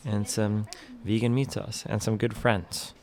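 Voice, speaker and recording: A man's voice: lowish voice, level tone, unhurried, a little mellow. A man narrating his meals in a casual running vlog, upbeat with short clipped remarks. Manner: upbeat, clipped food commentary. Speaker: running vlogger. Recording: noisy background.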